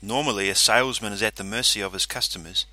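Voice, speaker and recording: A man narrating a short story in a steady, measured audiobook reading. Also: fairly low pitch, no room sound. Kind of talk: scripted narration.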